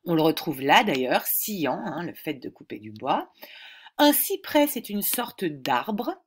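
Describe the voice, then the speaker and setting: A woman giving an informal pronunciation lesson, explaining word by word like a teacher and reciting tongue twisters slowly and then faster. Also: sits low, sing-song, husky. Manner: recites tongue twisters, from slow and deliberate to fast. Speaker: host presenting a French tongue twister.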